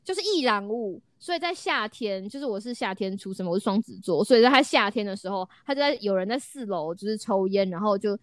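Fast, lively woman. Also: medium pitch, no echo, clean studio sound. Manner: animated storytelling, drops English words into Mandarin. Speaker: storyteller in a chat. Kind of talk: casual chat.

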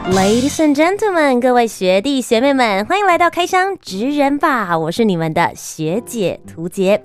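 A woman's voice: on the high side, big pitch swings, moderate pace, over music. A woman hosting a show and interviewing a guest in a presenter's style. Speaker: host.

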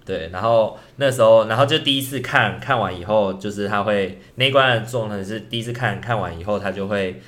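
A man's voice: fairly low pitch, a little fast, few pauses, fairly bright tone. A man, casually telling a ghost story on a podcast at night, rambling with lots of fillers and restarts. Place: indoor recording at night.

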